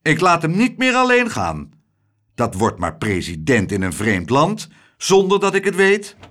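A man voicing a big, stern, domineering wife with a loud, bossy delivery. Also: on the high side, wildly swooping pitch, unhurried, full character voice.

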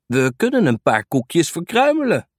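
A man's voice: on the high side, huge pitch swings, moderate pace, dry recording, studio quality, voice pushed up. A man voicing a kindly older man who walks with a rollator, in a children's storybook.

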